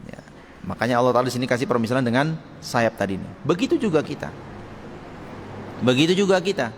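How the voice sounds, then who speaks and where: A man's voice: medium pitch, fast. Guy teaching in a mosque, acts out little lines and chuckles, long echo, faint hiss behind. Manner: lively, acts out short quoted lines and chuckles often. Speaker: Islamic preacher teaching a study circle. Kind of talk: mosque study lecture. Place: mosque hall. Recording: long hall reverb with faint noise.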